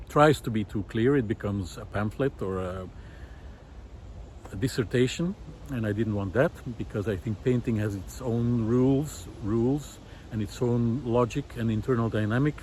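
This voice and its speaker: Searching for words in a thoughtful, hesitant way, a man gives an unscripted reflective monologue in a mid-range, somewhat mellow voice at a normal pace. He's a visual artist who became an ecology project host, and the audio has a faint hiss or hum.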